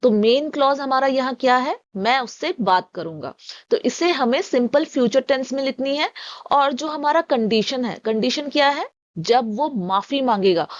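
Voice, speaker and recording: A woman teaching an English lesson, patiently explaining grammar and reading each example sentence slowly and deliberately. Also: high voice, expressive, dull audio.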